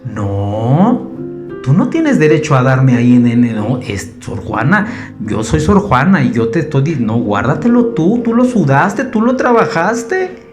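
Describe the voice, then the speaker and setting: A man's voice: mid-range voice, sing-song, unhurried, soft background music, pitched below the performer's own voice. A preacher putting on the voice of a talking banknote printed with a nun's face, coaxing the giver to keep his money.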